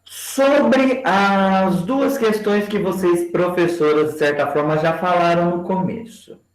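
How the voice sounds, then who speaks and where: A man giving a training lecture to teachers and slowly spelling out example words for his class. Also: high-pitched. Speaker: education lecturer. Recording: roomy echo.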